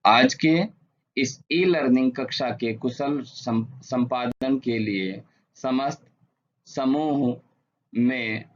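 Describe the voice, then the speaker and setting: A man teaching a Sanskrit grammar lesson online, reciting verb forms in a slow, measured way. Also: mid-range voice, highs cut off.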